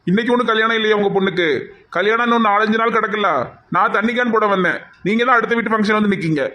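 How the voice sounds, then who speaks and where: A bitter, sarcastic jilted young man from a cartoon, voiced by a man. He speaks quickly in a high voice with a Tirunelveli Tamil accent. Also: bright, forceful tone.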